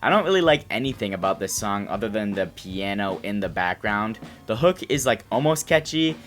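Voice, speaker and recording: Male countdown reviewer, blunt, soft w-like R, animated intonation, music underneath. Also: lowish voice, a little fast. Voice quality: speech impediment on R sounds, says w for r. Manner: blunt, opinionated. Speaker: music reviewer ranking songs. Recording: music playing behind the voice.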